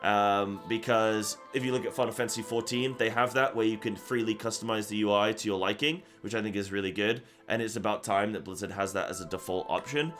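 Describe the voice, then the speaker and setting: Over background music, a man with a lowish, steady, slightly bright voice talks fairly quickly with hardly any pauses. He's a gaming content creator and online host reacting casually to a game announcement, rambling off the cuff and often repeating himself.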